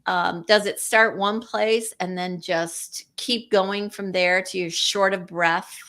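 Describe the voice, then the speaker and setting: A woman's voice: medium pitch, fairly even intonation, slow pace, a bit bright. A woman co-hosting a podcast, talking casually and animatedly, acting out quoted lines as she explains. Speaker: co-host. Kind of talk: conversational podcast talk.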